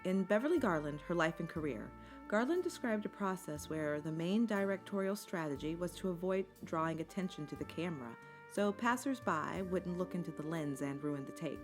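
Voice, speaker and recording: A woman with a deep-set voice narrates a scripted documentary essay. Her delivery is measured and articulate, in the manner of a storyteller. Instrumental music plays softly behind her. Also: expressive. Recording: music bed under the voice.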